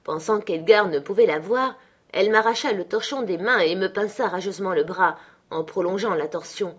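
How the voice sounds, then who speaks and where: A woman reading a novel aloud in a measured, even storytelling voice. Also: mid-range voice, breathy edge. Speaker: audiobook reader. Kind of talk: scripted literary narration.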